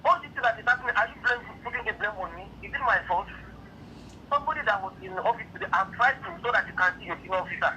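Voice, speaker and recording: A man's voice: sits high, rapid-fire, bright, forceful tone, a little hiss or hum. A man talking on a phone call heard through a speakerphone, so his voice comes over a clipped phone line. He is an official explaining a delay, and he keeps repeating himself and asking rhetorical questions. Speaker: official handling an impounded car.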